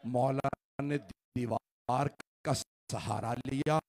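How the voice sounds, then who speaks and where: A man delivering a mourning sermon at a Shia majlis, swinging from hushed, grieving recitation to wailing, shouted lament. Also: mid-range voice, extremely slow, a little hiss or hum.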